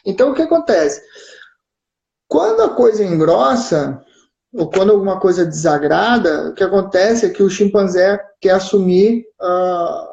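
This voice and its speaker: A man with a southern Brazilian gaúcho accent explains his point patiently, checking in with his listener as he goes. His voice is warm and mellow. It comes through a roomy, somewhat dull live-stream feed. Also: high-pitched, creaky. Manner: explains patiently with frequent "né?" and "certo?" check-ins. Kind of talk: explanatory casual chat.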